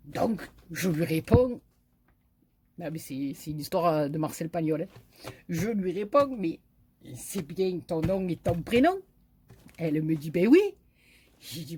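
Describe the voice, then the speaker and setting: A middle-aged YouTube crafter with a southern French accent chats casually to the camera, rambling to her viewers. Her voice sits low, darkish and husky, and she laughs often and uses plenty of fillers.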